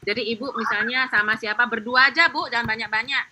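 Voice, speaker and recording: A middle-aged woman training insurance agents over a video call, talking fast and chatty, with playful acted-out examples. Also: fairly high pitch, steady tone, pushed and bright, slight background noise. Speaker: insurance agent teaching sales technique. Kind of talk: live online training session.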